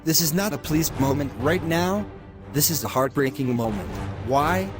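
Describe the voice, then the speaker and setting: A man's voice: a little high, animated, moderate pace, over music. A man voicing a stern middle-aged judge in a homemade animation, lecturing at length and sounding exasperated. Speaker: narrator and voice actor of an animation.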